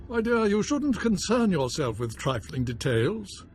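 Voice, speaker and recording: In scripted video game acting, a man plays a pompous, cautious baron who is a dismissive husband, formal and haughty yet guarded. His voice sits high and sing-song, a little slow, with faint music behind.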